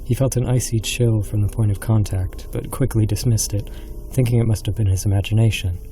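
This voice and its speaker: A man's voice: fairly low pitch, fairly even intonation, brisk, background noise. A man reading a scripted horror story as a dramatic narrator.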